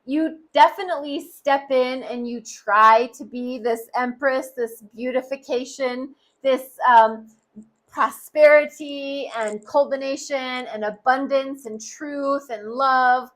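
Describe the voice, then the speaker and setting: A woman's voice: high voice, takes it slowly. A woman giving a tarot card reading, speaking earnestly and straight to the listener. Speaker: tarot reader.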